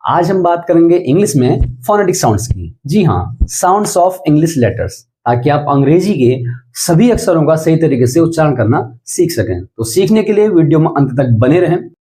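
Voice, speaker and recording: Man, patient teacher, spells words out, somewhat high voice, dark mellow timbre. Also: sing-song, normal speed, slight background noise. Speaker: English pronunciation teacher. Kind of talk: explanatory lesson in Hindi.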